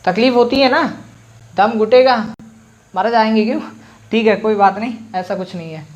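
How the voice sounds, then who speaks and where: A man with a fairly high voice teaches an exam-prep grammar lesson online. He poses questions and answers them himself. He repeats each sound slowly for viewers to try. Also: muffled recording. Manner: addresses viewers directly with frequent "theek hai".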